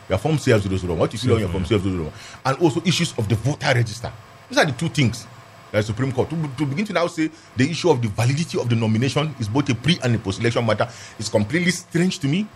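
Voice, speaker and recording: A man's voice: mid-range voice, slight background noise. A man with a Nigerian accent giving an emphatic, argumentative legal commentary in a discussion, repeating phrases for stress. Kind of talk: animated political and legal discussion.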